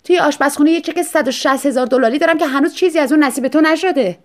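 A woman voicing a volatile, newly rich woman writer who talks loud and demanding in a storybook reading. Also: high voice, voice pushed up, lightly acted.

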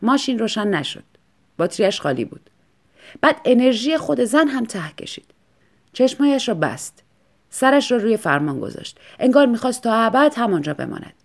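A woman narrating a story in a calm, even audiobook reading. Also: on the high side, creaky.

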